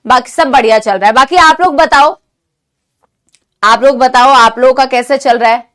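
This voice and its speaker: Young woman, high-pitched, online teacher, sore throat from a cold, affectionate, mixes Hindi and English. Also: moderate pace, a bit bright. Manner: motherly, calls students "beta", mixes Hindi and English. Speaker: online NEET biology teacher. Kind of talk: live online class chat.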